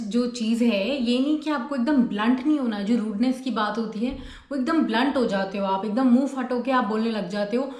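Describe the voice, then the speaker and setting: A woman's voice: on the high side, a little mellow, reverberant. A woman hosting a self-help video, talking casually and mixing English into her Hindi, acting out short dialogues as examples. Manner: mixes English words into Hindi, acts out little dialogues. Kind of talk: casual advice talk.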